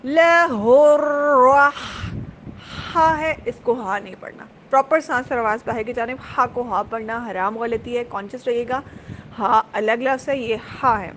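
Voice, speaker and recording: Woman going over recitation sounds, slow and patient, slightly high voice, bit of noise. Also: a bit bright. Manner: patient, repeats sounds slowly, drawls recited words. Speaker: Quran recitation teacher. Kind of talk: tajweed lesson, explaining letter sounds.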